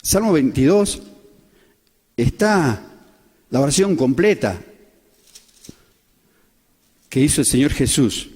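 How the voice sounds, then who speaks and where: A man preaching a sermon with a husky voice and an impassioned, dramatic way of retelling. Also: medium pitch, big pitch swings, takes it slowly, pauses often, darkish tone. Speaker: pastor. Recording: long reverb with faint music.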